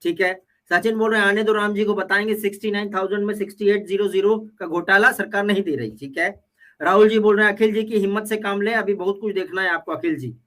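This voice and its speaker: A man's voice: high voice, quick pace, bright, forceful tone. A man on a live political panel debate, reading out viewer comments one after another and arguing back with quips. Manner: reads comments aloud, argues with quips.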